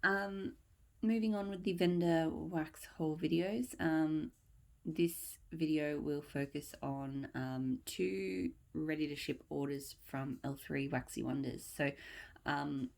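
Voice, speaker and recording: A woman's voice: deep voice, takes it slowly, gravelly. A woman vlogger chatting casually and rambling a little as she reviews products, thinking aloud as she goes. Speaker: vlogger reviewing wax melts. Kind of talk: casual haul review chat.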